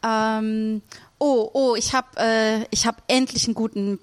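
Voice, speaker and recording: Woman as a flustered author at her own exam, keeps repeating herself, lots of umms, fairly high voice. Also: steady tone, measured pace, clean tone, lightly acted. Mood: stalling. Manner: hesitant, repeating herself, stalling. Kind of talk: improvised comic role-play.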